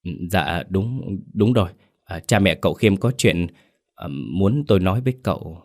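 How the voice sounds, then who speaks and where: A man's voice: deep voice, animated, moderate pace. A man voicing a poor, frightened young country woman who stammers and pleads through tears. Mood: pleading.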